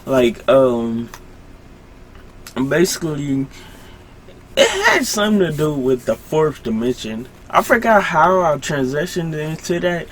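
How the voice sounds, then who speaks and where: A young man's voice on the high side carries a bit of hiss or hum. Podcasting solo from home late at night, he chats loosely and sleepily, stopping himself mid-sentence and using plenty of fillers.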